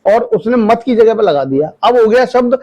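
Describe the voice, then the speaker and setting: Male debate panelist, high-pitched, insistent, lecturing, keeps interrupting. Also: expressive, moderate pace, a little mellow, highs cut off. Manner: insistent, keeps cutting in with "look" to explain. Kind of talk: heated TV studio debate.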